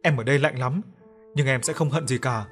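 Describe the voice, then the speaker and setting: A man's voice: mid-range voice, a little fast, fairly bright tone, lightly acted. A man voicing the ghost of a grieving young woman who pleads tearfully, with faint music behind. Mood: pleading, mournful.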